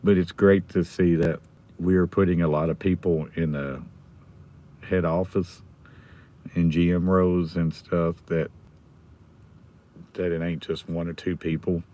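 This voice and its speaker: An American man with his voice nearly gone, chatting casually and quietly as a livestream host while sitting in a car. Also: low voice, flat delivery, unhurried, long pauses. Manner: subdued, holding the volume down. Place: inside a car in a school pickup line. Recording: noticeable background noise in a car.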